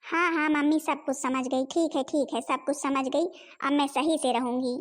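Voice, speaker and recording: A woman's voice: sits high, steady tone, close to an everyday voice. A woman voicing a spoiled, lazy, hot-tempered young wife in a homemade cartoon. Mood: eager. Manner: defiant, quick to anger.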